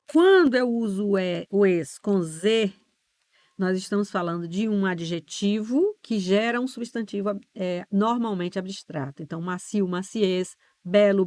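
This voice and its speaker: A woman teacher with a Brazilian Portuguese accent, explaining spelling rules step by step in an online exam-prep lesson, slowing down to stress key letters and often checking that viewers follow. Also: mid-range voice, no echo.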